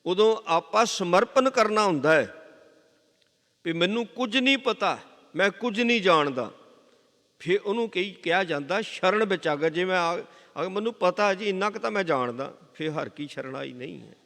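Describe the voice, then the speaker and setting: A man's voice: sits high, normal speed, vocal fry, fairly bright tone. A man with a Punjabi accent giving a Sikh scripture sermon, explaining verses with repeated phrases and chanted quotations. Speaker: Sikh preacher giving katha. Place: gurdwara hall. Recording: long hall reverb.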